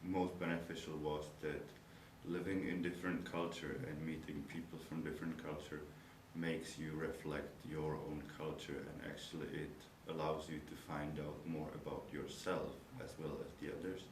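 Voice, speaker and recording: The speaker is a young Czech-born student with a bass voice that barely shifts in pitch, moving at a moderate pace with few pauses. He answers interview questions about his university studies in English that is thoughtful, nonnative and sometimes searching for words. A far-off mic picks him up in an echoey space with background noise.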